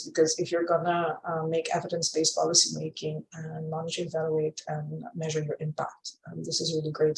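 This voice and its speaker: A woman with an Aruban accent explaining informally in an online session, mixing Dutch terms into her English. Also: low-pitched. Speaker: panel speaker from Aruba. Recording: echoey room with faint noise.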